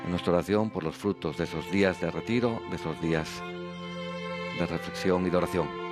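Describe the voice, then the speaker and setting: A man's voice: low voice, a little fast. A man commentating on a religious broadcast of a Mass. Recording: loud music under the voice.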